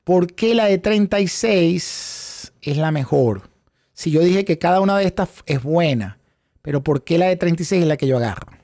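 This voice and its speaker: A middle-aged man with a fairly high voice leads a live online class. He repeats key phrases and drops English terms into his Spanish as he questions viewers. The sound is close and dry, from a desk microphone. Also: animated, normal speed, warm tone, no echo. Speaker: instructor in options trading. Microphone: close studio microphone on a desk setup.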